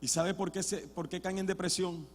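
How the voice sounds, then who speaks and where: A pastor with a strikingly high voice preaches a bilingual sermon, jumping between Spanish and English in mid-sentence. He repeats words as he restarts and moves between hushed stretches and shouted ones. His voice rings with the long reverb of a church hall. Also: fairly even intonation, normal speed. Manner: builds to loud shouted passages, then drops to quiet. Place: church sanctuary.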